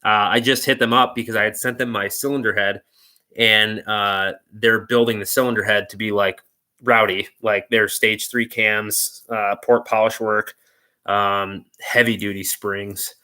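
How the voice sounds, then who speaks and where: A man's voice: fairly low pitch, little pitch movement, measured pace, pushed and bright. A young man hosting a live car stream, chatting loosely and rambling with lots of "like" and "dude.". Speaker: car channel host. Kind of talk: casual live stream chat.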